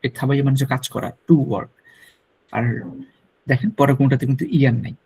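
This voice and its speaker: A man's voice: mid-range voice, steady tone, fast, warm tone, husky, low-quality recording. A man teaching a French lesson to students, patiently repeating pronunciation drills. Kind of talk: classroom lecture.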